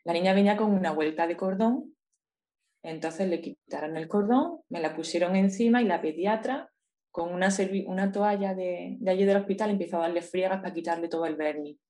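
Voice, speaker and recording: A woman's voice: lowish voice, brisk, mellow. A woman with a Spain Spanish accent, a guest in a conversation, telling her personal story with intensity and emotion. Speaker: interview guest.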